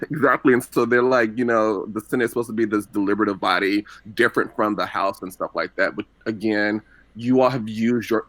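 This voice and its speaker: A man on a political podcast panel who builds his argument deliberately and steadily. His voice is on the low side, and the sound is dry and close. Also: fairly bright tone, no room sound. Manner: deliberate, argues through metaphor. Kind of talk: casual political podcast chat.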